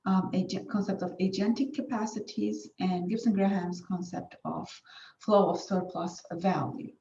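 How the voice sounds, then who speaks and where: A woman from Turkey, a native Turkish speaker, gives a formal academic research presentation full of fillers and restarts. Her mid-range voice is warm, with slight background noise, and the recording sounds far-off, dull and echoey, as if in a room.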